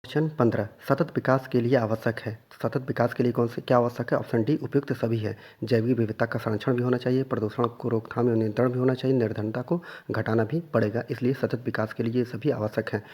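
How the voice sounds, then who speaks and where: A man's voice: medium pitch, fairly even intonation, quick pace, few pauses, darkish tone, breathy edge. A man teaching an exam revision lesson, asking questions and answering them himself, stressing the key points again and again. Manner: repeats key points and quizzes listeners with questions.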